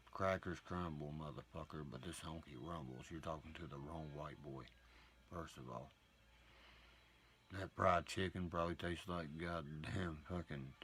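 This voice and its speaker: A man's voice: very deep voice, a bit bright, slightly rough. A man hosting his own livestream, ranting profanely and boasting while he answers viewer comments. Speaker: livestream host. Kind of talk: rambling livestream monologue.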